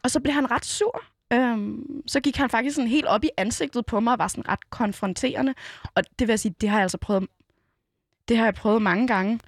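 A woman's voice: on the high side, dry recording, studio quality. Chatty Danish radio host woman. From Denmark. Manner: animated, chatty storytelling with fillers. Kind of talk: casual radio chat.

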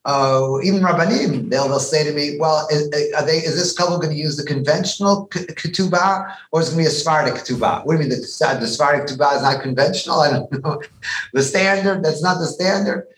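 A man's voice: fairly high pitch, brisk, a bit bright. A man, a rabbi being interviewed, explaining at length in an emphatic way and often restarting his sentences. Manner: emphatic, with frequent restarts and repeated words. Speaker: rabbi, guest. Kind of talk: conversational explanation on a podcast. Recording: echoey room with faint background noise.

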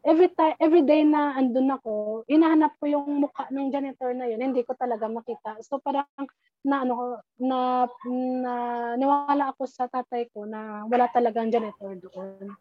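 A woman with a high voice recounts a personal story in a halting, searching way, often restarting and slipping English words into her talk. The recording sounds dry and close, with a slightly dull, muffled tone. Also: no room sound. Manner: hesitant, many restarts, mixes English into Tagalog. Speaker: guest telling a personal ghost story. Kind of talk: casual storytelling.

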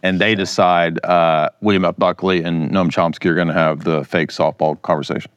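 Deep-voiced man in casual political commentary. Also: little pitch movement, normal speed, smooth, dry recording, lo-fi sound. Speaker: podcast guest.

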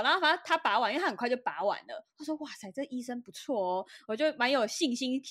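A woman with a Taiwanese Mandarin accent, co-hosting a podcast and retelling stories in an animated, dramatic way. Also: on the high side, no echo, clean studio sound. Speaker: podcast co-host. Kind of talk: casual storytelling chat.

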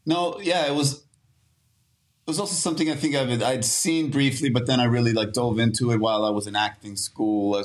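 A man from Sweden in his thirties, an actor talking casually as a guest, with many restarts and fillers. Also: medium pitch. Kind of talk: casual interview talk.

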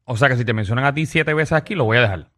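A Puerto Rican man co-hosting a radio call-in show, animated as he takes the calls. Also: medium pitch, rapid-fire. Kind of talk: casual radio banter. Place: radio studio.

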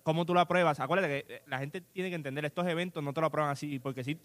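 A man with a Puerto Rican accent co-hosting a sports talk show, arguing his point rapidly. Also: on the high side, fairly even intonation, fairly bright tone, no room sound. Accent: Puerto Rican Spanish. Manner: rapid, argumentative.

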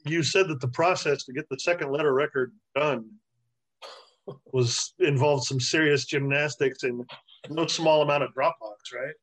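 Somewhat high-voiced, casual male host. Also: steady tone, moderate pace, a bit bright, poor audio. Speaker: podcast host. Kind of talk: casual interview.

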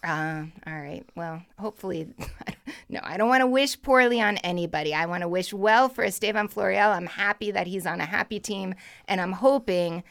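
A woman's voice: medium pitch, moderate pace, vocal fry, fairly bright tone, clear, resonant tone. A woman co-hosting a podcast, chatting casually about baseball in a rambling, laughing way. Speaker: podcast co-host.

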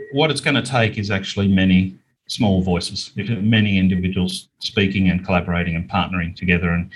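A middle-aged Australian small business owner answers interview questions earnestly and plainly, in a conversational way. His voice is low and a bit rough, and the audio quality is poor.

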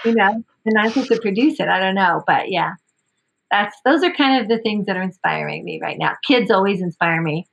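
A woman's voice: medium pitch, expressive, fairly quick, vocal fry, fairly bright tone. A woman, an opera singer and voice professor, chatting casually in an interview, upbeat and laughing often. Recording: dull lo-fi audio.

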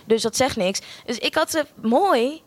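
A woman's voice: a little high, expressive, brisk, no room sound. A young woman tells a personal story in a frank, sardonic way, with self-mocking humor and free swearing.

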